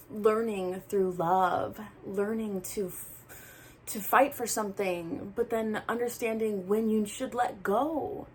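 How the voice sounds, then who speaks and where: A young adult woman talking casually to camera like a friend, earnest and animated, sometimes dropping into soft asides. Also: medium pitch, a little hiss or hum. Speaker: vlogger giving breakup advice. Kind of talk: casual heart-to-heart chat to camera.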